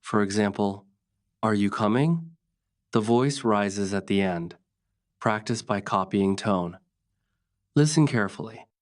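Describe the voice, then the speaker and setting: Slow, smooth-voiced male English tutor. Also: lowish voice. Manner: slow, plain, instructive sentences. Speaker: English teacher. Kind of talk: scripted narration of an accent lesson.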